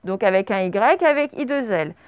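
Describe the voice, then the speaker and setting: A woman's voice: medium pitch, expressive, moderate pace, clear, resonant tone, dry recording. A woman primary school teacher giving a spelling dictation, drawing out each syllable and spelling the letters aloud through a face mask. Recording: narrow phone-like sound. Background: traffic noise through open doors.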